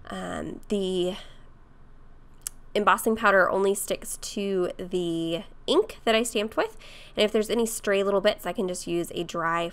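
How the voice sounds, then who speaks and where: Woman, hoarse from a cold, casual craft voice-over, chatty, medium pitch, frequent fillers. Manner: chatty, with fillers and soft laughs. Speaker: craft vlogger.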